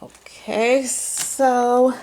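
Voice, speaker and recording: A woman's voice: a little high, flat delivery, drawn-out words, darkish tone, a little hiss or hum. A woman chatting casually as she shows off gift baskets, filming with a camera she holds herself. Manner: chatty, repeats herself, many fillers. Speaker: lifestyle vlogger showing gift baskets. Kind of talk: casual show-and-tell vlog. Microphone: handheld camera she operates herself.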